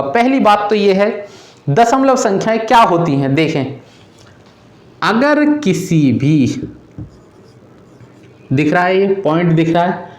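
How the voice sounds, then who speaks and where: A man's voice: fairly high pitch, reverberant. A male teacher who explains a math lesson to children patiently, repeating each step and calling the students "beta".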